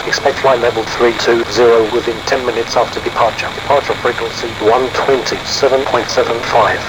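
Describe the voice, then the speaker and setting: A man working as a clearance controller, speaking in formal radio phraseology. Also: mid-range voice. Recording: loud aircraft engine noise.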